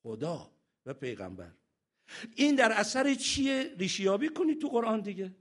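High-voiced man preaching a sermon. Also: sing-song. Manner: rhetorical questions, chants scripture slowly.

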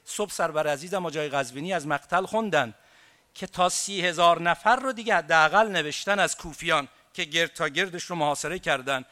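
Man, fairly high voice, mourning sermon, hushed to emphatic. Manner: swings from hushed grieving recital to loud emphatic preaching. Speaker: preacher. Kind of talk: mourning sermon with recited elegy.

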